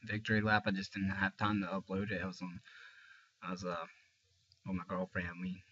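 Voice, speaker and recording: A man's voice: sits low, monotone, fairly quick, sharp tone, husky. A young man with a stuffy, tired voice talks frankly and ramblingly about a game in a casual fan video. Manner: rambling, frank, restarts a lot. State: congested and tired. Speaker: sports fan vlogger. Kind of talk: casual fan rant to camera. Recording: dull lo-fi recording.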